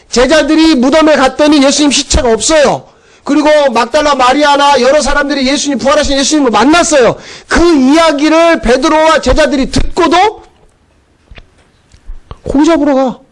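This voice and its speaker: A middle-aged male pastor giving a conversational sermon, chatty and animated, acting out voices as he goes. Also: extremely high pitch, moderate pace.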